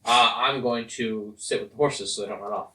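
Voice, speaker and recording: Halting male player, distant and roomy. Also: lowish voice, bright, forceful tone. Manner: halting, correcting himself. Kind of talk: casual game chat. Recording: roomy, distant, faint hiss.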